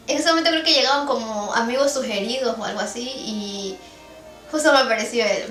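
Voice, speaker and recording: A woman's voice: a little high, fairly bright tone, reverberant. A woman in her twenties with an Ecuadorian accent, chatting straight to her viewers as she tells the couple's story on a vlog. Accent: Ecuadorian Spanish. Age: 20s. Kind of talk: casual storytelling to camera.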